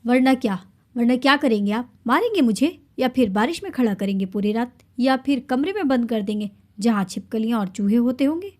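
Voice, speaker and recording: A woman's voice: a little high, animated, darkish tone, close to an everyday voice. A woman voicing a defiant young wife in an audiobook, speaking sharply and angrily. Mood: shouting. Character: defiant angry young wife, kidnapped by her husband.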